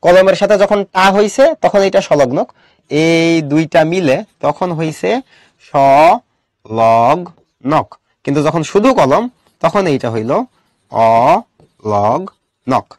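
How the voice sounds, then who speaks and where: A man's voice: fairly high pitch, animated, unhurried, darkish tone, no room sound, studio quality. A young adult man teaching an online class, explaining step by step and asking his students questions.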